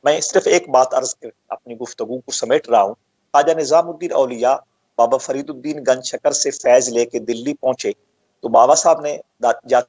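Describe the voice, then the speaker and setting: A man's voice: mid-range voice, darkish tone, no room sound. A man as a guest scholar in a remote interview, speaking formally while connection dropouts cut his voice. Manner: measured, formal. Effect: connection dropouts cutting the voice. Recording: muffled dry call audio with dropouts.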